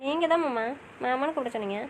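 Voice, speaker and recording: A woman's voice: high voice, expressive, quick pace, a little hiss or hum. A woman playing a young newlywed wife who coaxes and questions her husband in a romantic audio drama. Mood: affectionate. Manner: affectionate, pleading and coaxing.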